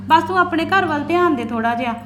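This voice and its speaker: A woman's voice: very high voice, lively intonation, fast talker, a bit bright, a little hiss or hum. A woman playing a caring elder sister-in-law in a family drama, reassuring and gossipy. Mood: calm. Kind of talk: Punjabi family drama acting.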